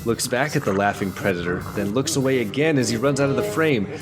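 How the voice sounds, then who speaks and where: A man's voice: medium pitch, quick pace, music in the background. A man co-hosting a film podcast, chatting casually, reading listener notes and narrating a scene, laughing often. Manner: lively, laughing, reads listener submissions. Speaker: podcast co-host.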